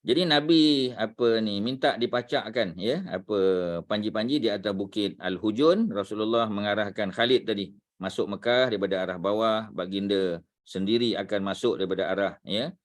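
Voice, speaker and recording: Low-voiced ustaz lecturing. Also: male voice. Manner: unhurried, peppers talk with "ya" and "ha", searches for words aloud. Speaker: religious teacher. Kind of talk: religious class lecture.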